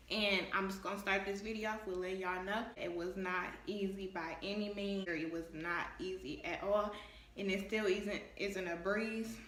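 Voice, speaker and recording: Bright-voiced young woman vlogger. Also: medium pitch, roomy sound, slight background noise. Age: young adult, about 19. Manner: candid, chatty, addresses viewers as y'all. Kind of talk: casual advice vlog.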